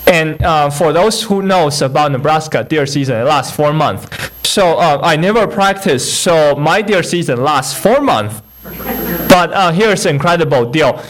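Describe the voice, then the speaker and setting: A man's voice: on the high side, expressive, slight background noise. Taiwanese-accented young man giving a church testimony. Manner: halting, many fillers and restarts, light humor. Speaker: guest speaker. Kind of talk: personal testimony at a church service.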